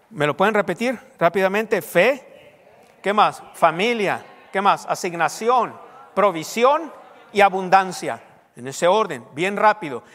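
A male pastor with a high-pitched voice delivers a teaching sermon, throwing questions out to his congregation and waiting for their answers. His voice rings with a long reverb, recorded in a church hall. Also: a bit bright.

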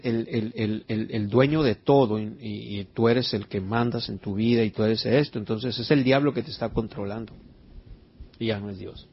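A man's voice: mid-range voice, breathy edge. A man preaching a conversational sermon and Bible study as pastor, earnest, repeating words and putting questions to his listeners. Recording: dull lo-fi recording.

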